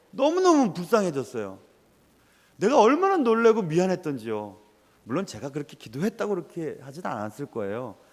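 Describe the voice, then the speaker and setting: Male pastor, sermon, storytelling, lively pitch, fairly high voice, long hall reverb. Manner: animated storytelling, dropping to a whisper at times.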